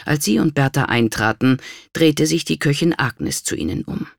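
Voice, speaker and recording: Audiobook narrator, steady and measured, mid pitch, dry close recording. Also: gravelly, no echo. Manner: even, measured storytelling. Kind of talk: scripted narration.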